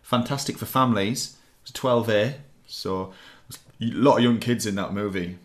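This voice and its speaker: Male co-host, low voice, upbeat film chat. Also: normal speed. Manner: enthusiastic, emphatic. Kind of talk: casual film review chat.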